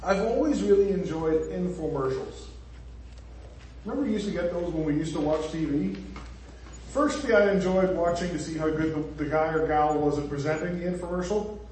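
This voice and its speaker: A chatty Northern Irish man gives a conversational sermon, his voice slightly high for a man and darkish in tone, at a normal speed. He jokes and throws asides to the congregation, sounding far from the microphone in a very echoey church hall, with a little hiss or hum on the recording.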